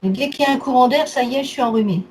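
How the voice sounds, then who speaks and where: Talking very fast in a high voice, a woman is heard over a low-quality recording with faint background noise. She plays a client in a casual consultation, rattling off her health complaints item by item in brief phrases.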